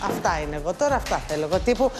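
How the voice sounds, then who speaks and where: A woman's voice: on the low side, lively intonation, over music. A woman mentoring a group of contestants, speaking in a playful, teasing way and calling them pet names. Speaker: guest mentor on a presenter contest show. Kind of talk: casual coaching talk to contestants.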